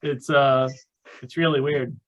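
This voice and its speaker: A man chatting casually on a podcast, pausing often with "uh" and "um". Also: medium pitch, flat delivery, highs cut off. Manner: hesitant, many "uh" and "um" fillers. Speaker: podcast co-host and author. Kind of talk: casual chat.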